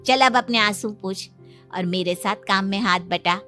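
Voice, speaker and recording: A woman's voice: medium pitch, normal speed, bright, forceful tone, soft background music, close to an everyday voice. A woman playing a protective middle-aged mother-in-law in a cartoon moral story, soothing someone as if comforting a child.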